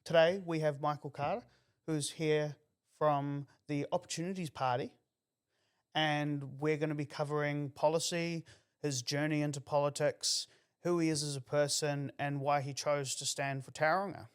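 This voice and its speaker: Chatty New Zealand podcast host. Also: male voice, a little high, fairly even intonation, moderate pace, smooth. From Auckland, New Zealand. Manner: chatty, rambling questions. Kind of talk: casual interview.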